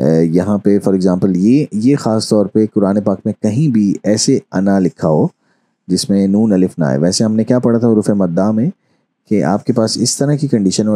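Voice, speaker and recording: Man, teacher, low voice, very dark tone, husky, patient explanations. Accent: Urdu-speaking Pakistani. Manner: explains patiently, mixes in English phrases, recites verses slowly. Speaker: Quran recitation teacher. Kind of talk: online lesson.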